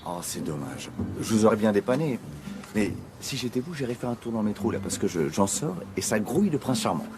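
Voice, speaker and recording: An actor playing a courteous, vain blond gentleman who speaks smoothly. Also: on the low side, big pitch swings, fairly quick, over music.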